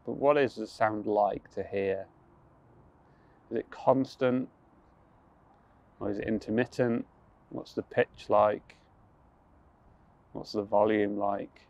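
A young man leading a guided mindfulness practice outdoors on a rooftop, speaking calmly, slowly and gently, with soft restarts. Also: fairly low pitch, muffled recording. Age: young adult. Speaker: mindfulness instructor.

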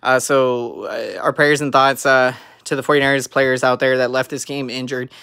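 A man's voice: mid-range voice, steady tone, moderate pace, gravelly, pushed and bright, smooth, no room sound. A man in his thirties, a sports fan vlogging an emphatic, earnest post-game recap to a phone at arm's length in a room at home.

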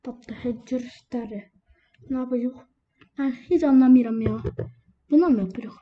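A woman's voice: high-pitched, moderate pace. A woman hosting her own gaming channel, giving casual commentary while grumbling and ranting at the game. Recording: lo-fi with background noise.

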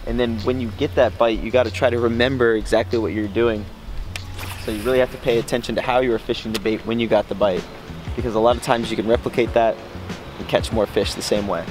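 A man's voice: mid-range voice, fairly even intonation, quick pace, darkish tone. A young man hosting a fishing channel, reviewing a lure to camera from a small boat on a lake with enthusiastic, upbeat delivery. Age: young adult. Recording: clear background music. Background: music.

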